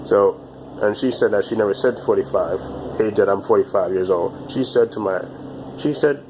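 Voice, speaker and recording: A man in his twenties talking alone to his channel in a halting, repetitive way, often restarting his phrases. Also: fairly low pitch, noisy background. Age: 20s. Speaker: vlogger. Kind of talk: casual monologue to camera.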